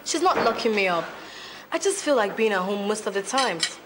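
An actress with a Ghanaian accent playing a meek, innocent young student in a film drama, speaking hesitantly. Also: female voice, mid-range voice, very animated, normal speed, natural voice. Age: young adult. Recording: noisy location film sound.

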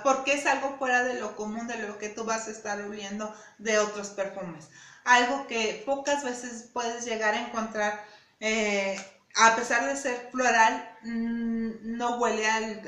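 A woman's voice: a little high, fairly bright tone, echoey room. A woman reviewing perfumes in a casual, chatty way, often repeating herself and asking "¿sí?". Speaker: beauty vlogger.

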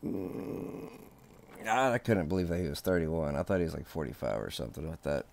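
Deep slow gravelly man chatting gossip. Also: big pitch swings, darkish tone. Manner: chatty, laughs at his own remarks. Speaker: gossip channel host. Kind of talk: casual gossip chat.

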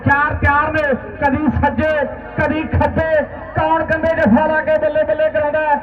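Male rural Punjabi kabaddi commentator, high flat chant, repeated calls, echoey loudspeaker. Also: normal speed. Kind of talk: rural live sports commentary with chanted verse. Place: outdoor village sports ground. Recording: echoey, distant, tinny loudspeaker sound.

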